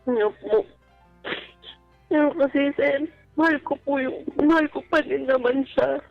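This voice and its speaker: Over dull lo-fi phone audio with music behind her, a Filipino-accented woman calls a radio show looking for advice. She politely and deferentially relates a personal account, chatting at a measured pace. Her high voice carries vocal fry, and there's no echo.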